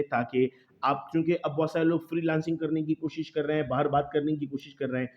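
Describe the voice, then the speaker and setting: A man giving a video lecture on English grammar mistakes. He calls his students "beta" and slows down to read example sentences word by word. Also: medium pitch. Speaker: English teacher. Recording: slightly dull lo-fi audio.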